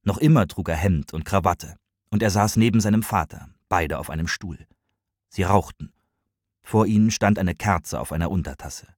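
A man reading a story aloud as narrator, in a calm, even storytelling manner. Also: deep voice, normal speed, no echo, clean studio sound. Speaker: audiobook narrator. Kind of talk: scripted narration.

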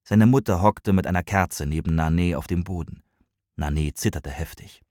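A man reading a story aloud as narrator, in a calm, even storytelling manner. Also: low-pitched, normal speed, dry recording, clean studio sound. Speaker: audiobook narrator. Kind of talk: scripted narration.

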